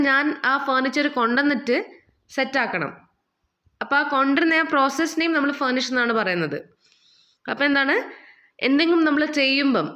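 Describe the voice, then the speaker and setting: A woman's voice: high voice, pushed and bright, muffled recording. A woman teaching an English vocabulary lesson with a Malayali accent, explaining in Malayalam and English and asking and answering her own questions. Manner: slow, careful reading of English passages. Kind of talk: recorded online English lesson.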